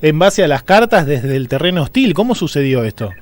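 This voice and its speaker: Man, interviewer, conversational, asks follow-ups, slightly high voice, dry sound. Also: sing-song, a little fast, no room sound. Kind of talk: interview questions.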